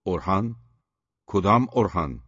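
Gruff old man read by a man, fatalistic, flat muffled replies, low dry voice. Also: no echo, full character voice.

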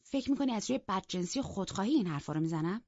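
A woman voicing a proud, sharp-tongued young woman who mocks and scolds in an audiobook. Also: medium pitch, animated, no echo. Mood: scornful. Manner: cutting and mocking. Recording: dull, dry lo-fi recording.

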